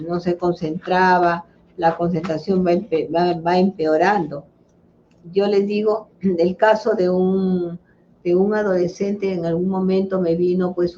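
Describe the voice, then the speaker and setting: A woman's voice: fairly low pitch, dark tone, slight background noise. A middle-aged woman psychologist answering interview questions, telling a case story with many fillers and restarts. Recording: dull lo-fi livestream sound.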